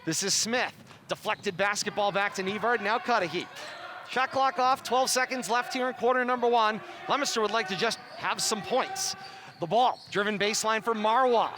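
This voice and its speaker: A man calling high school basketball play-by-play with a New England accent, his voice jumping up loud on big plays. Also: normal speed, noisy background. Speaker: play-by-play announcer.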